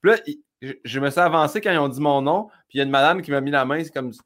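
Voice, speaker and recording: A man's voice: on the high side, rapid-fire. A man with a Québécois accent telling a story in casual chat, with lots of restarts. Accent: Québécois French. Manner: animated anecdote with many restarts.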